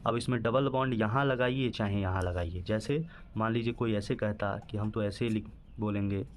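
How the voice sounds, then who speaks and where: A man's voice: lowish voice, steady tone, moderate pace, slight background noise. Man teaching, quizzing the class himself. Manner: asks questions and answers them himself, repeats "ठीक है" often. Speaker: chemistry teacher. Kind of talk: classroom-style lesson explanation.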